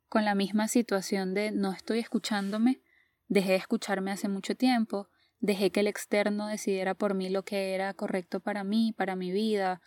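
Woman musing earnestly on her vlog, reads a caption out loud, medium voice, dry sound. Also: mid-range voice, no echo. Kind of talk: reflective personal talk.

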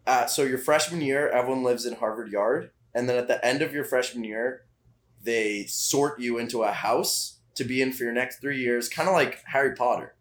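Laid-back young man, casual joking chat. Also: medium pitch. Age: young adult. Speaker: college student guest.

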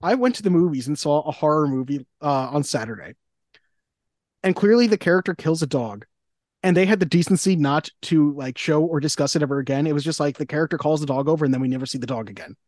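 A woman's voice: deep voice, quick pace, no room sound, studio quality. A young woman co-hosting a podcast in casual chat, laughing often and acting out her reactions. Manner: laughing, animated, acts out reactions in quoted voices. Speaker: podcast co-host.

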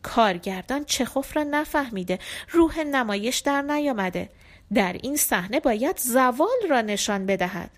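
A woman's voice: a little high, lively intonation. A woman reading the lines of an arrogant young man who murmurs scornful asides in an audiobook. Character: young man, arrogant self-styled intellectual.

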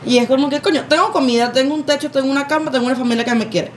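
Woman, podcast co-host, candid, fairly high voice, faint noise. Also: rapid-fire. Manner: candid, talkative. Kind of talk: casual chat.

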